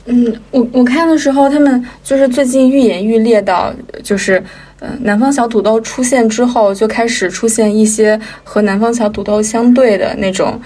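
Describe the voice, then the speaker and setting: A woman's voice: fairly high pitch, steady tone, normal speed, mellow, husky, far from the mic. A woman co-hosting a podcast, talking through ideas in casual, analytical chat with some internet slang. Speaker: podcast co-host.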